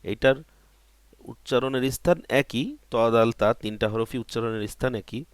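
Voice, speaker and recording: A man's voice: medium pitch, fairly even intonation, moderate pace, smooth, no echo. A man teaching Quran letter pronunciation, patiently drilling syllables one by one and answering his own questions. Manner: drills syllables one by one, repeating and drawing them out; asks questions and answers them himself. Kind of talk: patient step-by-step pronunciation lesson.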